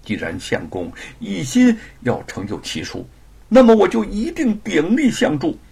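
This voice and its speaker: A man voicing a devoted young wife in an audiobook, speaking higher and in an emotional, pleading manner. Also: wildly swooping pitch, unhurried, gravelly, a little mellow, slightly rough, heavily acted. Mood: determined.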